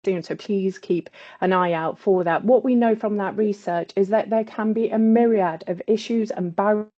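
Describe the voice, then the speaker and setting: Woman host on a dull lo-fi video call with audio dropping out, mellow voice. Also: medium pitch, normal speed. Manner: warm, eager welcoming tone. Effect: audio cutting out on a bad connection. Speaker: webinar chair. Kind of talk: hosting an online panel.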